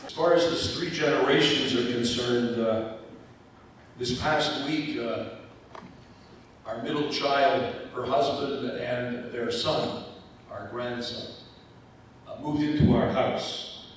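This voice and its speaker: A man's voice: medium pitch, slow, long pauses, slight background noise. An older man speaking to an audience as a guest speaker, chatty and wry, often restarting his sentences. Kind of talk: conversational talk. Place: large hall. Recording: echoey hall recording from far off.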